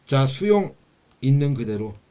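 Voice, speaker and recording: A male instructor teaching an exam-prep class in a classroom. He asks rhetorical questions, repeats key terms, and drops to a quiet low voice when he stresses them. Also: very animated, unhurried. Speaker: social work exam instructor.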